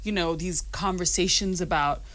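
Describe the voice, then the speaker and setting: A woman's voice: lowish voice, moderate pace, a bit bright. A woman raised mostly in the United States, giving a radio studio interview as a guest singer-songwriter, speaking in a thoughtful, earnest way with frequent ums and laughs. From Rwanda and Uganda, raised mostly in the United States.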